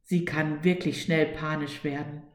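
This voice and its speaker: A woman reading a short story aloud in a calm, wry, measured way. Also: low voice. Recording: echoey room.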